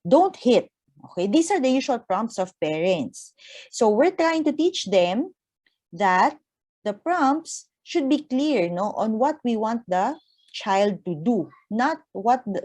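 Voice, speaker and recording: A woman's voice: mid-range voice, animated, unhurried, a little mellow, no echo. A woman with a Filipino accent giving a conversational lecture, often checking that listeners follow. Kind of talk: online lecture with Q&A.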